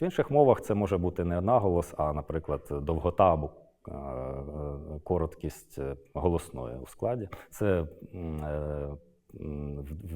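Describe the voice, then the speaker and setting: A man's voice: sits low, mellow. A middle-aged man giving an unscripted lecture, hesitant, with many filler sounds and restarts. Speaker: Arabist lecturer.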